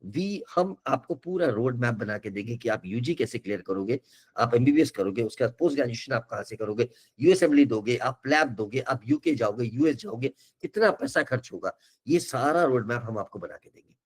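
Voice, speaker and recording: A man's voice: medium pitch, expressive, fairly quick, breathy edge. An older man, an education counsellor giving an earnest, reassuring webinar talk that keeps switching between Hindi and English.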